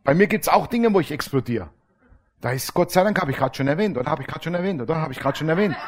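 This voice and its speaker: Slightly high-voiced man preaching animatedly. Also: fast. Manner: colloquial, animated, acts out quoted voices. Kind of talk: sermon with anecdotes.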